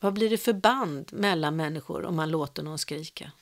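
A woman in casual podcast chat, speaking emphatically and getting heated when indignant. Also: deep voice.

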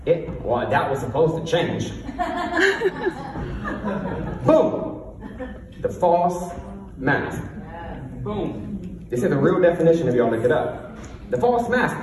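A man speaks from far off in a very echoey hall with faint noise behind him. He delivers a confident motivational stage talk in a higher-pitched voice, full of emphasis and rhetorical questions. He has a lisp and says his R's like W's. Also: big pitch swings, a little slow, long pauses, a crowd in the background. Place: stage in a large echoing room before an audience.

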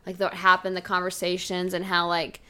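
A woman's voice: fairly low pitch, completely flat delivery, brisk, pushed and bright, clear, resonant tone. A young woman co-hosting a casual podcast, telling travel stories in a rambling way with lots of filler words.

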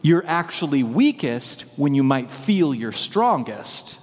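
A man's voice: on the high side, sing-song, takes it slowly, long reverb tail. A man preaching a sermon as pastor, telling a story in a rambling, self-deprecating way.

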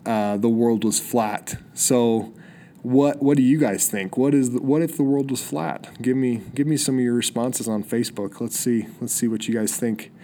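A young man hosts a solo podcast, sniffly from a cold, rambling eagerly through a casual monologue with many restarts. His voice is mid-range and dark in tone, at a normal speed.

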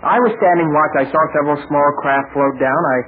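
An actor playing an earnest, self-blaming young American adventurer in a boyish 1940s radio serial style. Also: male voice, a little high, steady tone, fairly quick, lightly acted. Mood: self-reproachful. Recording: tinny, noisy 1940s radio recording.

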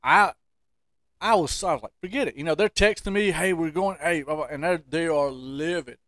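This male podcast co-host tells funny stories in an emphatic, folksy way, echoing his own phrases for effect. His voice is fairly high and a bit bright at a normal pace, recorded at studio quality without room sound.

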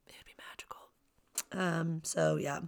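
A young woman hosting her own podcast at home, chatting in an excitable, rambling way with lots of asides. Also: deep voice, measured pace, vocal fry. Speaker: podcast host. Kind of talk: casual solo podcast chat. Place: home, child playing upstairs. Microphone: sensitive podcast microphone.

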